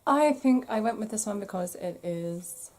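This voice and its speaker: A woman hosting a crochet podcast, chatting casually to camera with a croaky throat she keeps clearing, apologetic and self-deprecating. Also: medium pitch, expressive, moderate pace, a little mellow. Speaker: podcast host.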